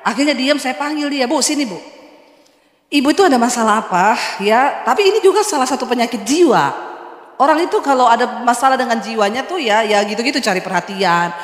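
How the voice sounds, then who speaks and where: A middle-aged woman pastor from Indonesia preaching a sermon, lively storytelling with humor and acted dialogue. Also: a little high, quick pace. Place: large church hall. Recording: echoey hall reverb.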